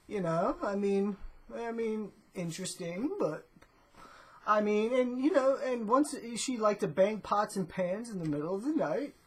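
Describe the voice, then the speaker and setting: Breathy, drawling laid-back woman. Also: mid-range voice. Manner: drawling stoner-dude talk, ends phrases with "man"; rambling, full of "you know" and "uh". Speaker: vlogger. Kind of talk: laid-back comedic vlog monologue.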